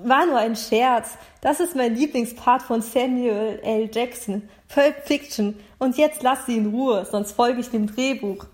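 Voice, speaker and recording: Woman doing a mocking loud supervisor guy, blunt, brash, storybook reading. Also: fairly high pitch, a little slow, hardly any pauses, lightly acted. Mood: sarcastic. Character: sarcastic male supervisor, blunt and protective. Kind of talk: audiobook character voice.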